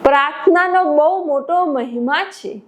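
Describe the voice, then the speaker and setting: A high-voiced woman delivers a devotional sermon at a slow, unhurried pace. She speaks as a spiritual teacher, building her points by repeating phrases for emphasis. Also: a little hiss or hum.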